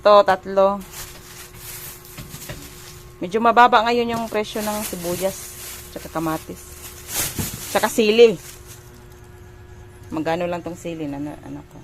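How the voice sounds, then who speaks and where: A talkative woman from the Philippines chats through a casual home vlog in her kitchen. She rambles easily and keeps pausing to search for the right word. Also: mid-range voice. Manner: chatty, rambling, searches for words with "ano". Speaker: home vlogger and mother.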